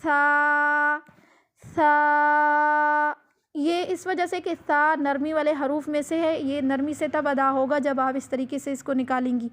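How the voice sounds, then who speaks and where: A woman's voice: sits high, little pitch movement. A woman teaching the pronunciation of Arabic letters in a recorded lesson, patient and repetitive, stretching out each letter as she demonstrates it. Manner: patient, repeats instructions, drawn-out letter demonstrations. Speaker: Quran recitation teacher.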